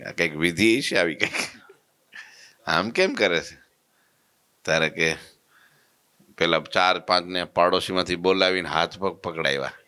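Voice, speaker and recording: A man giving a storytelling sermon in a folksy, animated way, slipping into voices for his characters. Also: deep voice, a little slow, pauses often, smooth. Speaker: preacher giving a religious discourse.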